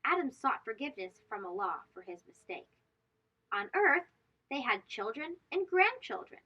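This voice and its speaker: At a normal speed and with a breathy edge, a woman hosting a children's read-aloud program narrates a storybook. Her high voice is lively and emphatic, full of questions for the kids, though the audio is slightly dull.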